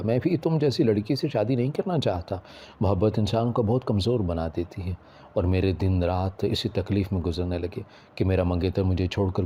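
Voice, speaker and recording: A man narrating a scripted first-person moral story, reading it at an even, measured pace. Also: low-pitched.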